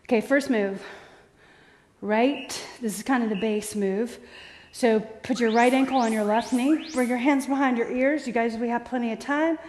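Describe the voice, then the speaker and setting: A woman's voice: on the high side, moderate pace, a little mellow, big-room sound. A woman leading a workout class as fitness instructor, calling out short, encouraging coaching cues.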